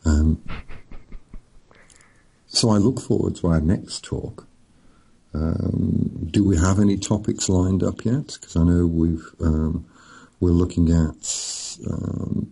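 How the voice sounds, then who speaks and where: A middle-aged man, an author, chatting casually in a slow, rambling, storytelling way with a chuckle here and there. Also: fairly even intonation, mellow, poor audio. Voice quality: very deep gravelly voice. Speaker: author and podcast guest. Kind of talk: casual chat.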